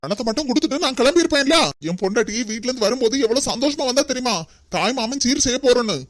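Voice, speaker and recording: A stern cartoon older brother with a Kanyakumari accent, indignant and scolding as he defends his wife, as a woman acts him out. The voice sits a little high and sounds dry and close. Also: very fast, dry recording, lightly acted. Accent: Kanyakumari Tamil.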